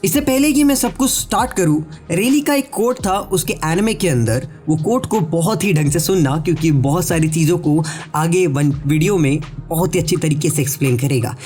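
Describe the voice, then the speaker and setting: Congested and hoarse, this anime theory YouTuber talks to his viewers in a voice on the high side, expressive and a little mellow, at a normal pace. Soft music sits under his separately recorded voice-over, a casual, chatty explainer sprinkled with English words.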